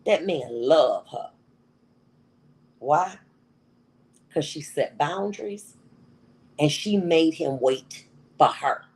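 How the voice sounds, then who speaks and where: A woman's voice: low-pitched, lively intonation, slow, pauses often, a little mellow, poor audio. A middle-aged woman giving a motivational talk to an audience, emphatic and repeating phrases for effect. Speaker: motivational speaker.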